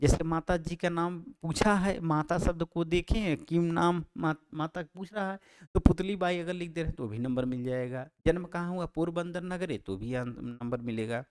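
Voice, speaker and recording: A man with a somewhat high voice teaching an exam-prep lesson. He explains patiently, repeats each answer and often pauses to correct himself. His voice is dry and close, with a handheld mic held near the mouth. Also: smooth, dry recording. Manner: explains slowly in Hindi, repeats answers, frequent fillers and self-corrections. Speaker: Sanskrit teacher. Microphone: handheld microphone held close.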